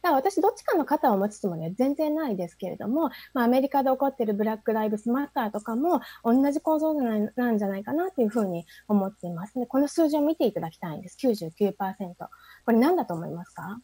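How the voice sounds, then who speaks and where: A woman giving a prepared talk to an audience, speaking softly with frequent fillers and posing questions to listeners. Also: a little high, expressive, very fast, slightly rough, dry recording.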